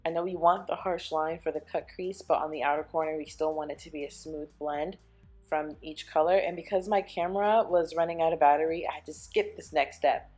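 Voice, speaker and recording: A young woman with a slightly low voice chats through a makeup tutorial, explaining each step as she goes. Soft music plays behind her. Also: fairly even intonation, brisk. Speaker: beauty vlogger. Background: soft background music.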